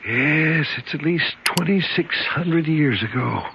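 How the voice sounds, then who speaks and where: Gravelly and exaggerated, this slow, fairly high male voice has lively intonation as an actor plays an older convict boasting of centuries of escapes. The delivery is earnest, dreamy and rambling, from 1970s radio drama. It's a muffled vintage radio recording with a faint hiss.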